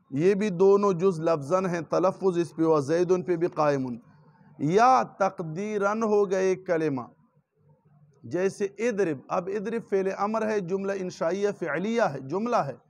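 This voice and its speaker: A man with a fairly high voice teaching a classroom grammar lesson. He explains step by step, repeating terms and examples, and reads textbook lines aloud before unpacking them. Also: gravelly. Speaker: religious teacher.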